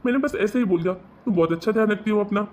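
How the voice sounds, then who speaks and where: A woman's voice: medium pitch, quick pace, darkish tone, pitched below the performer's own voice, natural voice. A woman voicing a flustered husband who backpedals nervously while heading out. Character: flustered husband hurrying off to work.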